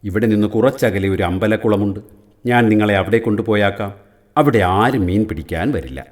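A man's voice: lowish voice, normal speed, natural voice. A man voicing a cunning old male heron who weeps false tears and schemes in a pleading tone. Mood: sly pleading.

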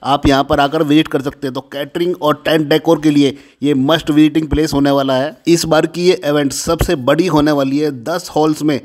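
A man narrating an event preview in a steady, informative way, listing details one after another. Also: fairly high pitch, brisk, hardly any pauses. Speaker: vlogger. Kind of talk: promotional voice-over.

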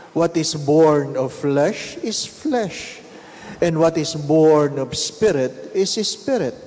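An older man with a Filipino accent, a priest reading the gospel and preaching a homily at a measured pace, switching between English and Tagalog, into a handheld microphone in a large church. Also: on the high side, darkish tone. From Philippines. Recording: long church reverb, faint hiss.

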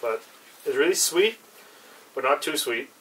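This is a young man casually chatting in an unscripted review, relaxed and slightly hesitant, letting sentences trail off. His voice sits at medium pitch, animated and fairly bright, though a little slow. A distant mic picks him up in a small, cluttered indoor room with a brick wall, with background noise clearly present.

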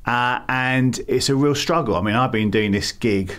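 Here a middle-aged campaign founder from England is the guest, answering interview questions in a London accent with frequent fillers and restarts. His voice is medium-pitched and a bit bright, at a moderate pace.

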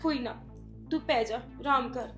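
A woman's voice: sits high, measured pace, soft background music. A woman acting as a caring young daughter-in-law who soothes and consoles the family. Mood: consoling.

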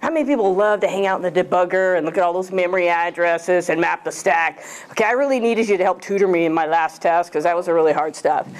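A woman in her fifties talks at a quick pace in a fairly low voice. She's the guest speaker at a club, joking casually in a small lecture room, handheld mic in hand, and often asking the room questions.

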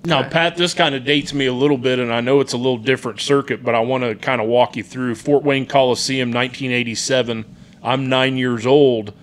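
A man's voice: mid-range voice, steady tone, fairly quick. A man in his forties hosting a podcast, asking questions like an eager wrestling fan. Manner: enthusiastic fan, reminiscing. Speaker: podcast host. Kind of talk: casual interview.

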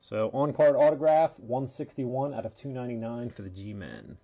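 A man's voice: medium pitch, expressive, normal speed, vocal fry, mellow. A man hosting a live trading card break, casually calling out player names and serial numbers as he opens packs, in a dull lo-fi recording.

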